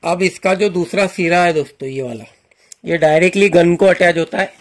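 High-voiced man giving a casual demo. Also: normal speed. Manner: friendly instructional, repeats "जी हाँ दोस्तों". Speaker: channel host demonstrating a car washer.

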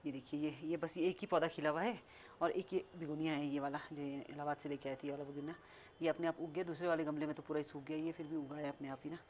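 Speaking quickly in a low, steady, slightly mellow voice, this family vlogger chats and scolds as she rambles. Her casual vlog is shot on a phone camera both at home and outside, with a bit of background noise.

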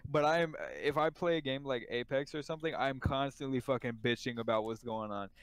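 A man's voice: medium pitch, steady tone, brisk, clean tone, no echo. A young man co-hosting a podcast, chatting casually, blunt and swearing freely. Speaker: podcast co-host. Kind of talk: casual chat.

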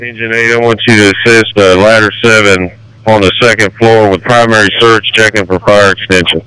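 A man's voice: fairly low pitch, fairly even intonation, fairly quick, bright, forceful tone, smooth, rough recording. A man giving urgent, terse orders over fire department two-way radio as the incident commander.

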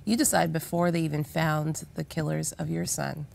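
A woman interviewer putting soft, measured, supportive questions to her guests. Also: sits low, level tone, gravelly, a little hiss or hum.

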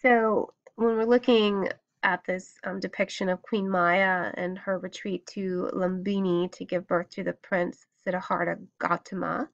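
A woman's voice: lowish voice, fairly even intonation, measured pace, vocal fry. A woman lecturing on art history in a recorded class, hesitating often with many ums and restarts. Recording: dull lo-fi recording.

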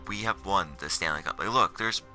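A young man of seventeen, weary and up in the middle of the night, gives offhand, rambling narration of his career mode over game menus while music plays. He talks a little fast in a low, sharp voice.

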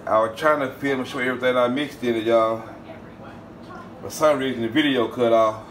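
Cooking at home, a Southern host talks right to his audience in a relaxed, chatty vlog style, calling them "y'all." He speaks briskly in a mid-range voice over slight background noise.

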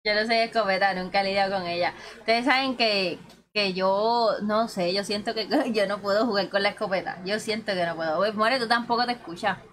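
While streaming a game, a woman chats with and teases her teammates and viewers, calling them "corillo" and "bebesote." Her mid-range voice is fairly quick with a fairly bright tone, and a little hiss or hum sits under the recording.

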